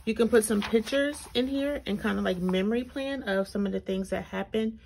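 Her voice is a little high with vocal fry and a darkish tone, and she talks fairly quickly, though the audio is poor and has noticeable background noise with clicks. A planner reviewer and video host, she has braces that slightly impede her speech during a chatty, casual walkthrough of thinking aloud and reading items out. She's filmed indoors from overhead, hands only, at a tabletop.

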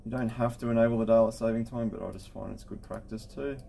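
Speaking quickly in a low-leaning, gravelly voice with a dark, relaxed tone, this middle-aged male instructor gives an informal step-by-step screen tutorial. He's an intercom installer working at a computer in an indoor office, with a little background noise.

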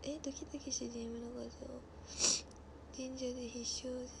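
A woman's voice: high-pitched, level tone, quick pace, background noise. Young woman with Nagasaki dialect. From Nagasaki, Japan. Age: 20s. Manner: chatty, reads comments aloud, drifts into soft mutters. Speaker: livestream host. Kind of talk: casual livestream chat.

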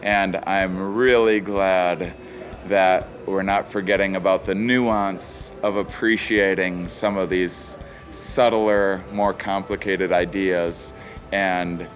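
Deep voiced guy musing thoughtfully, some music in back. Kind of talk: festival interview.

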